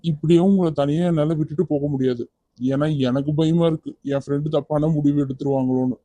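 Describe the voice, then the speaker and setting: A kind young man in a cartoon, voiced by an actor, talking firmly but gently and coaxing without letup. His voice is mellow and middle-pitched, recorded dry and close. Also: steady tone, quick pace, no room sound, natural voice. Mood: gentle coaxing. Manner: firm yet gentle, coaxing. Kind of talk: cartoon voice acting.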